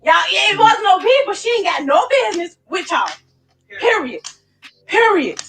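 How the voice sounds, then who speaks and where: A young adult woman speaks in a very high, bright, piercing voice. She delivers a furious, profane rant aimed at former friends and hammers the same phrases over and over. Her voice rises into shouts at times. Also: big pitch swings, unhurried, gravelly, slight background noise. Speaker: friend in a viral dispute. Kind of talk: angry social media rant.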